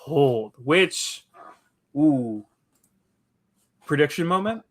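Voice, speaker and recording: Male podcast co-host, casual and animated, rambling delivery. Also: a little high, very slow. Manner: animated, rambling with restarts, acts out quotes. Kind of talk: casual recap chat.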